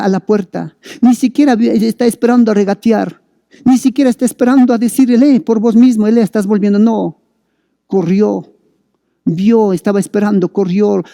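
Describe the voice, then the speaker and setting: A man's voice: high voice, vocal fry, mellow, no room sound, clean studio sound. A male preacher giving a sermon to listeners, urging them on with fervent, repeated calls. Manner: fervent, repetitive exhortation.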